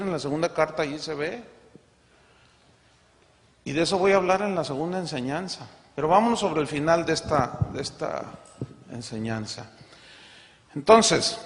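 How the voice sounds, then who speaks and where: Male pastor, high voice, preaching emphatically with rhetorical questions; reverberant conference hall. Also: fairly bright tone. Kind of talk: sermon.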